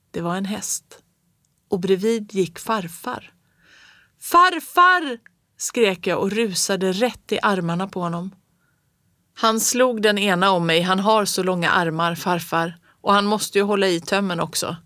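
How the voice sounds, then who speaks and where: A woman's voice: medium pitch, fairly bright tone, no room sound. Woman reading a storybook, dry close sound. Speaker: audiobook reader. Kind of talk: first-person storybook narration.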